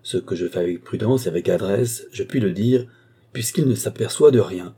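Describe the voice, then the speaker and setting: A man's voice: fairly low pitch, normal speed, mellow, breathy edge. A man voicing a sly, deferential valet who talks ceremoniously and at length in an audiobook. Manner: long-winded, ceremonious. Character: adult male valet, sly, wordy, deferential.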